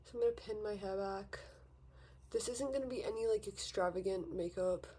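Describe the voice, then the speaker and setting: At a moderate pace and medium pitch, with a dark tone, this eighteen-year-old woman from Victoria speaks in an Australian accent. It's a get-ready-with-me vlog filmed at her bedroom vanity while she does her makeup, and she's chatty, a little rambling, and self-deprecating. Slight background noise can be heard.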